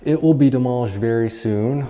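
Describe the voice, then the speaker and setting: Walking through an empty abandoned house, a man with a mid-range, dark-toned voice gives chatty commentary at normal speed, easily amazed by his finds. He's an urban explorer host recording indoors on a body-worn camera, with a little hiss or hum.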